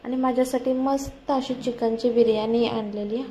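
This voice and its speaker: Young marathi lady chatting thru her day, kinda high voice, noisy home audio. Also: fairly even intonation, moderate pace, dark tone. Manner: chatty, coaxing a toddler in a high playful voice. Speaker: vlogger. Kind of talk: casual daily vlog chat.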